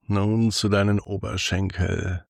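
A man narrating a guided sleep meditation as host, in a soothing, hushed manner with long pauses. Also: on the low side, level tone, creaky, dry recording, clean studio sound.

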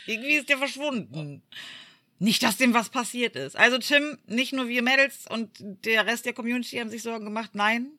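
Very bright-voiced woman telling lively stories. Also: a little high, a little fast, few pauses. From Germany. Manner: lively storyteller who acts out quoted voices, many fillers. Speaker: podcast co-host. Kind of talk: casual chat.

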